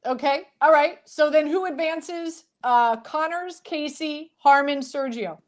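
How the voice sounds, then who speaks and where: A woman hosting a sports betting panel, briskly quizzing her guests on their picks. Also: sits high. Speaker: host.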